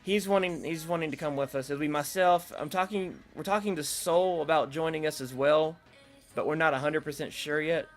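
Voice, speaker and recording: Over electronic dance remix music, a man hosts an online creative group's announcement video, speaking casually and without a script. His voice is on the high side and moves at normal speed with few pauses, though he rambles, hesitates and keeps rephrasing himself.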